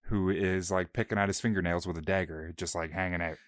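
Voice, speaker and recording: A young man with a very low voice co-hosts a laid-back book podcast, recorded dry and close. He jokes around but is quick to set his partner straight on the details. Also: fairly even intonation, no echo. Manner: jokey, firmly corrects his co-host. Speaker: podcast co-host. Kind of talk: casual book discussion podcast.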